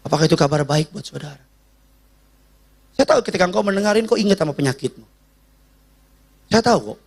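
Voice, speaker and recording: A pastor preaching a fervent sermon, swinging from shouts to hushed tones and dropping in casual slang and English phrases. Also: male voice, sits high, expressive, quick pace, vocal fry.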